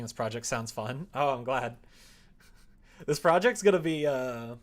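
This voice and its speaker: A man with a mid-range voice livestreams while developing a visual novel, thinking aloud, muttering instructions to himself as he codes, and chatting back to viewers. Faint background noise and keyboard typing can be heard.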